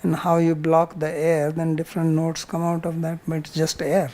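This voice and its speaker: A spiritual teacher with an Indian accent leads a scripture class, explaining patiently in a didactic way. He repeats his points and uses simple examples. His voice is a little high, mellow and monotone, at a normal speed.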